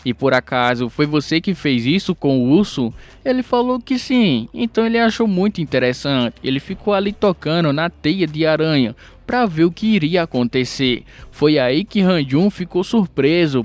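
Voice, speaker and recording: A man tells a comic story recap in a loose, conversational way. His voice sits somewhat high for a man, and he keeps dropping friendly asides to his viewers as he goes. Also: normal speed, hardly any pauses. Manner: chatty, animated, with asides to the viewers. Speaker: recap narrator.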